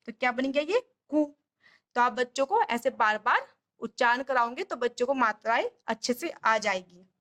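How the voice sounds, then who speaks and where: Woman teacher, high voice, patient and repetitive, draws out each syllable. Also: animated, a bit bright. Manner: patient, repeats sounds slowly and drawn out. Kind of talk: explaining a lesson to parents.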